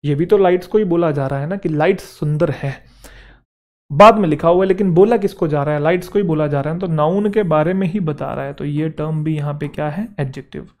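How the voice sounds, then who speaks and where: Bright-pitched man teaching grammar class. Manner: asks the class quick check questions.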